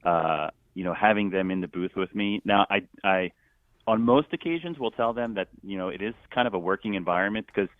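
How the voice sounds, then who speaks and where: Over a tinny, dry phone line with no room sound, a middle-aged man from Philadelphia who works as a stadium announcer chats as an interview guest. His voice is on the low side and a little fast, and he rambles with many fillers and false starts.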